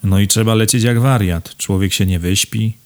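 A man's voice: fairly low pitch, moderate pace, natural voice. A man doing a dry, cunning young man. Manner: dry, laconic, offhand. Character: calm, cunning young man, feigning reluctance. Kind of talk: audiobook character voice.

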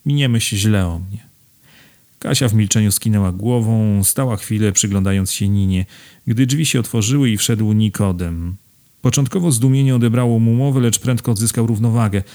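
Man with a lowish voice, steady audiobook narration of a classic novel. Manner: measured, literary reading.

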